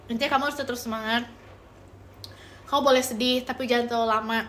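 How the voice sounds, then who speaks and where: A woman's voice: on the high side, fairly even intonation, fast talker, a bit bright, slight background noise. A young woman hosting a casual livestream, answering viewer chat with relationship advice and calling viewers pet names. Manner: affectionate, calls viewers pet names, mixes in English phrases.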